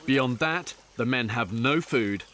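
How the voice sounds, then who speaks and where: A man delivering scripted documentary narration in a measured, explanatory way. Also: mid-range voice, lively intonation, noisy background. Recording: voice-over with music behind.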